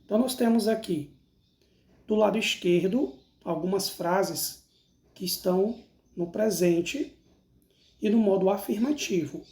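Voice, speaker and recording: A teacher with a Brazilian Portuguese accent explains grammar at an unhurried pace in a soft, mellow tone. Each example is read out and then translated. The recording rings with a noticeable room echo. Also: medium pitch. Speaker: English teacher. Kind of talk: slow recorded language lesson. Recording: roomy, echoey recording.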